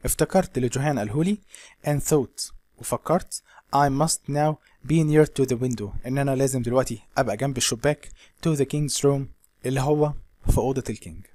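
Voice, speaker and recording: A man with an Egyptian accent reads an English novel aloud slowly and explains each line in quick Arabic. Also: medium pitch, dark tone, no room sound. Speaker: English teacher.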